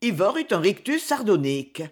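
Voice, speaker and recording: A woman reads a classic novel aloud for an audiobook. Her delivery is measured and expressive, with a lively, varied pitch. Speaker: audiobook reader. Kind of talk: scripted narration of a novel.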